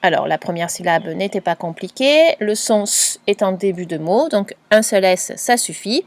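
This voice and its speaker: A woman teacher giving a patient, clearly spoken dictation lesson to a young pupil, spelling out letters and sounds. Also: medium pitch, lively intonation, moderate pace. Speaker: primary school teacher.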